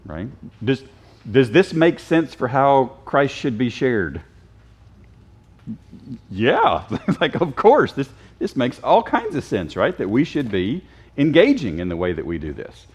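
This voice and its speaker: Lively joking teacher, a man. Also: mid-range voice, slow, husky. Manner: lively, joking, quizzes the class. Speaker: Sunday school teacher. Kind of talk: casual Bible class teaching. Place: church classroom.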